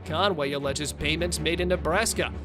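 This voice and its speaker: A narrator reading a scripted recap in a measured, formal way. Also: medium pitch, over music.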